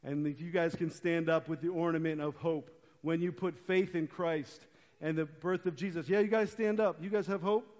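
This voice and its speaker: A man's voice: fairly high pitch, steady tone, normal speed, a little mellow. A man leading a children's sermon at a church service, upbeat and coaxing as he talks to the kids. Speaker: pastor. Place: church sanctuary. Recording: dull sound with long church reverb.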